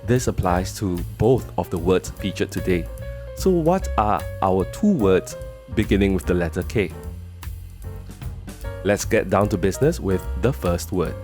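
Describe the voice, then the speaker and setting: A man with a Singaporean accent hosting a scripted explainer in a wry, articulate, measured way. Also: low-pitched, lively intonation, a little mellow. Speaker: host and presenter. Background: music under the voice.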